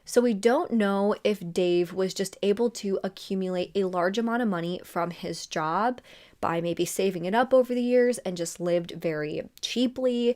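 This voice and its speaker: A woman's voice: lowish voice, a little mellow. A woman hosting a true crime channel, telling a murder case in a casual, conversational way with chatty asides.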